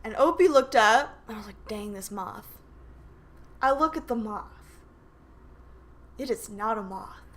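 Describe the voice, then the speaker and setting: A young woman, a podcast host, telling a dramatic story in a lively, casual way with many asides, from her apartment. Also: fairly high pitch, measured pace, long pauses. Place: apartment living room with sliding door open.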